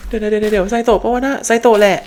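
A young woman streaming a horror game live, talking to her viewers in a chatty, excitable way, swearing freely and squealing at the scares. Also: mid-range voice, racing, a little hiss or hum.

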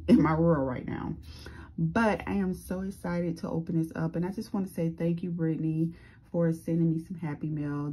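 A woman hosting a craft channel, gushing with excitement as she unboxes mail. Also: on the low side, breathy edge. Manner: gushing, excited, says "y'all guys" a lot. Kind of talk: casual unboxing vlog.

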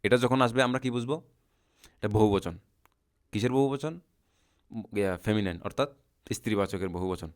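A man teaching a recorded language lesson, patiently repeating word forms slowly for his students. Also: on the low side. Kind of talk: recorded lesson explaining a chart.

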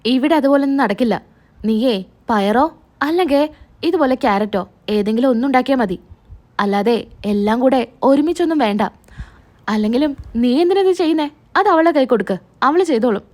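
A woman's voice: high voice, lively intonation, moderate pace, a little mellow. A woman doing a stingy, scolding old mother. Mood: grumbling. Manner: scolding, grumbling.

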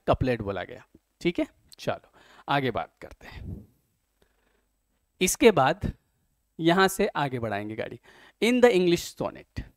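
A man teaching an exam-prep lecture, explaining step by step, asking questions and answering them himself, and reading English passages slowly. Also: fairly high pitch, dry recording, clean studio sound.

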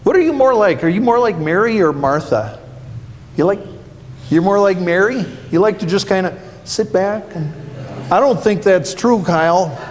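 Man pastor, children's sermon, slightly high voice, long church reverb. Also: expressive, normal speed. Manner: playful, asks kids questions. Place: church sanctuary. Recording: echoey church hall, faint hum.

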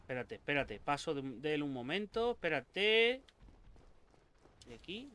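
A young man with a Spain Spanish accent giving let's play commentary, excitable and swearing a lot as he talks to the game characters. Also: a little high, a little fast. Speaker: gaming YouTuber.

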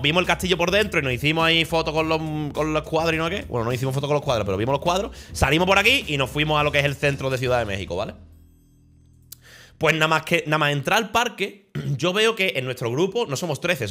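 A young man from Spain with a Spanish accent, telling a travel story in an animated, swearing, laughing way, as a streamer in casual chat. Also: a little high, fast talker.

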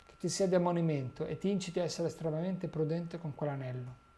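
A man's voice: fairly high pitch, fast talker, mellow, natural voice. Gandalf, a man reading as the grave old wizard. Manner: earnest warning tone.

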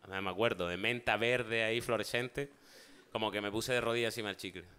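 Lowish and smooth, this man's voice moves at a quick pace. He's a talk show guest and animated storyteller, recounting funny childhood anecdotes in casual chat and performing the voices of the characters.

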